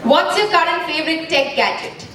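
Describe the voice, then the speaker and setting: A woman with an Indian accent hosting a live event and asking rapid-fire questions. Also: very high voice, expressive. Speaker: event host. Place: event hall with an audience. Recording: very echoey hall, distant, noisy crowd.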